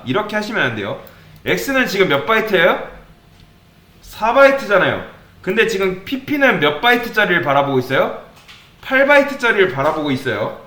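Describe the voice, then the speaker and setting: A man's voice: sits high, bright, forceful tone, echoey room. A man teaching a programming lesson, asking the viewers questions and then answering them himself. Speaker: programming instructor. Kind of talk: coding lecture with questions to viewers.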